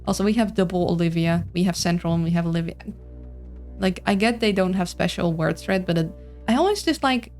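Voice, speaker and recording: A woman with a Dutch accent and a lowish, darkish voice gives casual gameplay commentary a little fast, rambling and thinking aloud as a game streamer. Her streaming mic applies voice filters, and game music plays in the background.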